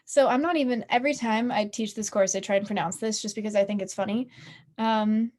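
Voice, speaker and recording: A woman's voice: mid-range voice, a little fast, a little hiss or hum. Chatty woman lecturer, lots of "like". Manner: chatty, animated, frequent "like" and "um". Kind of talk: casual university lecture.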